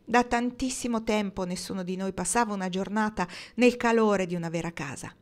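A woman's voice: mid-range voice, brisk, natural voice. A woman reading the part of a proud, decisive man among friends in an audiobook, speaking firmly and eagerly in her own raised voice. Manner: firm, eager and lively.

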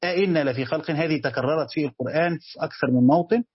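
A man with an Egyptian Arabic accent talks rapid-fire in a slightly high voice with a breathy edge; the recording has no echo but its highs are cut off. Teaching a tafsir lesson, he reads religious passages aloud and then explains them in colloquial everyday speech.

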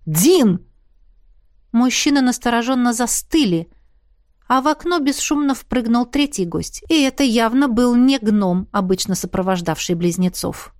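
A woman with a fairly high voice narrates a first-person audiobook. Her reading is lively and expressive. The recording is dry and close to the mic. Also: normal speed, no echo.

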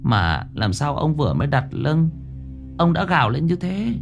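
A man's voice: a little high, big pitch swings, normal speed, vocal fry, highs cut off, soft background music, pitched above the performer's own voice. A man voicing a frail, exhausted old village wife who calls out faintly and breathlessly. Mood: weary distress.

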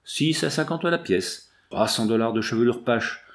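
Male narrator doing a grizzled old trapper in an audiobook, gruff, vengeful, coarse backwoods talk. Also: mid-range voice, moderate pace, close to an everyday voice.

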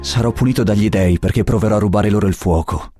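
A man voicing a male film star, reading an intimate love letter in a husky voice over soft music. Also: lowish voice, fast talker, no echo, studio quality. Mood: ardent. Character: male film star, ardent lover writing. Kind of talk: dramatized reading on radio.

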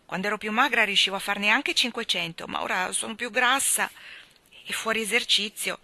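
A woman's voice: medium pitch, fairly quick, bright, forceful tone. A woman voicing a cheerful, chatty young housemaid who tells homely stories in a storybook reading.

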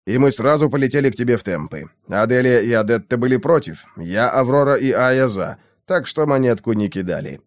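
A man voicing an anxious male airship captain who reports quickly and urgently in an audiobook. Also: mid-range voice, lively intonation, no echo, clean studio sound, natural voice. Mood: telling.

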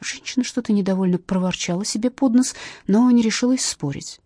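A woman's voice: mid-range voice, a little fast, warm tone, no echo, studio quality. A woman narrating a detective novel as an audiobook, reading expressively. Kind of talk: scripted narration.

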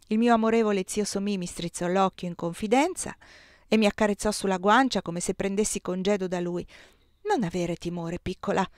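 A woman narrating a novel as an audiobook reader, with expressive, varied storytelling. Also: mid-range voice, brisk, no room sound, clean studio sound.

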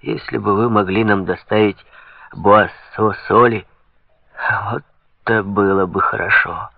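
Dejected, hungry bank clerks speak glum and subdued, as a male reader voices them. The voice is low and dry, close to the mic. The sound is dull and lo-fi. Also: steady tone, takes it slowly, vocal fry, dry recording, full character voice.

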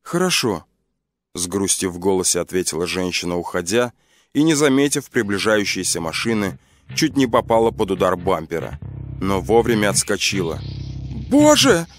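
A man narrating an audiobook story in a steady, even manner. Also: low-pitched, fairly quick.

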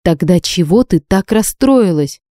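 A woman's voice: on the low side, animated, unhurried, dry recording, studio quality. Woman doing a soothing merman. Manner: gentle, pleading, soft. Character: worried kind merman man, soothing.

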